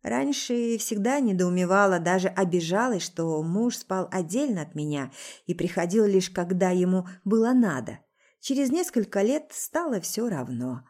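A woman narrating a first-person audiobook in a subdued, quietly bitter way. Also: mid-range voice, expressive, moderate pace.

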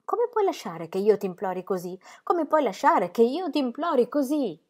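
Reading an audiobook, a woman voices a restless, demanding young male artist in impassioned, pleading outbursts. She raises her voice above her own natural pitch to a fairly high one, very animated and a little mellow, at a moderate pace.

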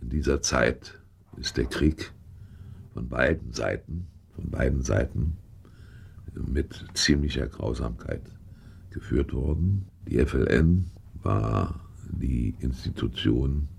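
Male interviewee, very low and gravelly, slow, deliberate. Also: a little mellow, slight background noise. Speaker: interviewed eyewitness. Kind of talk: reflective interview answer.

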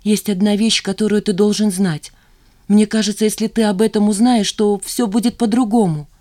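A woman's voice: medium pitch, fairly even intonation, normal speed, dark tone, pitched above the performer's own voice, close to an everyday voice. A woman reader voicing an emotional young woman pleading in love, in an urgent, imploring manner.

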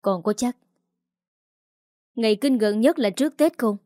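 Woman voicing an anxious, sharp-tongued mother, higher-pitched, for an audio drama. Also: measured pace, dry recording, studio quality, lightly acted. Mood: urgent questioning. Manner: scolding, shrill when upset.

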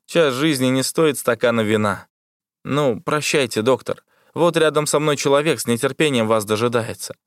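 A man's voice: mid-range voice, normal speed, clear, resonant tone, no room sound, studio quality, pitched above the performer's own voice, lightly acted. A man reading the part of a wounded captain who speaks with curt, bitter sarcasm. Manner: sardonic, curt.

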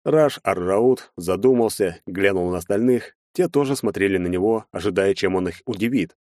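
A man's voice: deep voice, moderate pace, a little mellow, dry recording, clean studio sound. A man narrating a first-person audiobook in a weary, sardonic tone.

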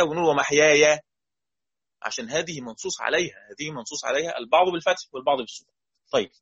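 A man with an Egyptian accent teaching a lesson on Quran recitation variants, explaining in casual speech and slowly chanting the verses he quotes. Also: fairly high pitch, fairly bright tone, slightly rough, no echo, lo-fi sound. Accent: Egyptian Arabic.

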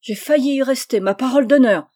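A woman's voice: high-pitched, a little fast, mellow, no echo, clean studio sound, pitched above the performer's own voice. A woman reading aloud voices a frightened middle-aged husband who cries out plaintively and stammers. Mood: shaken exclaiming.

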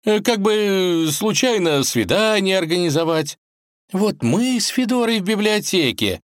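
Timid, dreamy young suitor, high and hesitant, voiced by a male narrator. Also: animated, a little slow, no echo, clean studio sound.

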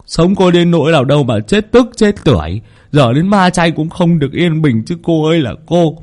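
A man's voice: a little high, lively intonation, a little fast, darkish tone, voice pushed up. A man voicing an old male servant who mutters a lament. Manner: mumbling lament.

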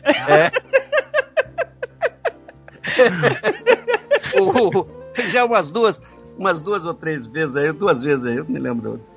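A man's voice: a little high, big pitch swings, slow, creaky, pauses often, fairly bright tone, soft background music. A man, a voice actor, telling stories in casual chat with lots of laughter and stammered repeats. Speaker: voice actor guest.

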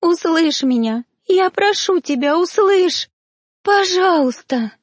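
A grief-stricken young ghost girl, as a woman reader puts her on in an audiobook, crying and begging in a high, strained voice that climbs far above the narration. The reading is close and dry, with no room sound. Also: normal speed, dark tone, husky, no echo. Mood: sobbing, pleading. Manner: high, tearful, pleading cries.

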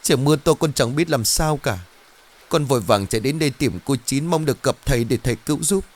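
A man voicing a desperate middle-aged woman who begs for help in a high, tearful voice. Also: expressive, normal speed. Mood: pleading tearful. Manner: tearful, pleading, high-pitched.

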